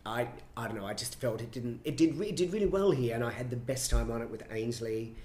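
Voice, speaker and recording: A middle-aged man, a choreographer and director, telling stories with animated enthusiasm in an interview. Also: medium pitch, fast talker. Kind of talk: conversational interview. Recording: roomy echo, faint ambience.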